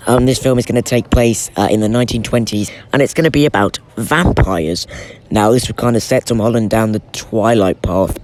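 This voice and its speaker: A man delivers casual film news in a chatty, enthusiastic fan's manner. He speaks at a middling pitch, with a towel over his head to shield the microphone from wind. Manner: chatty, enthusiastic fan talk. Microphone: microphone under a towel over his head, shielding it from wind.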